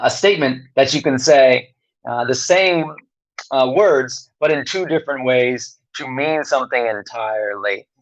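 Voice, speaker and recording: Slow-talking male lecturer, muffled recording. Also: medium pitch, a bit bright. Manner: slow, pausing delivery with many fillers.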